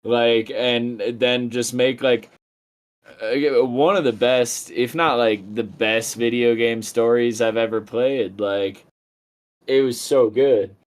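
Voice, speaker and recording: A man's voice: mid-range voice, fairly even intonation, takes it slowly. A young man streaming a game, talking in a rambling, enthusiastic way and swearing casually as he chats. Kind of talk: casual live-stream chat while gaming.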